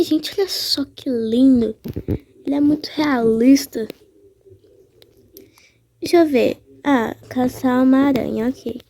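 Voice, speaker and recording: A woman's voice: high-pitched, warm tone, a little hiss or hum. A woman giving casual gameplay commentary, chatty and playful, talking back to the game characters. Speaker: gaming channel host.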